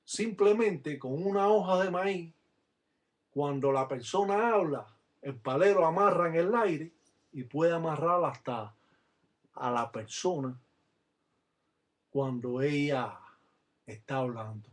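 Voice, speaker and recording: A man's voice: on the high side, slow, long pauses. A man teaching religious practice to his viewers over a webcam. He talks to them directly, in an instructive way, and is sometimes scornful of other teachers.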